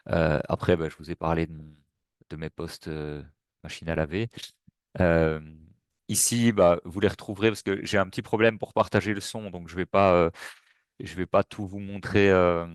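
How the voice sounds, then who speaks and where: A man's voice: sits low, fairly even intonation, normal speed, smooth, dry recording, studio quality. A man presenting a webinar in a casual, hesitant way, with many fillers and restarts. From Belgium.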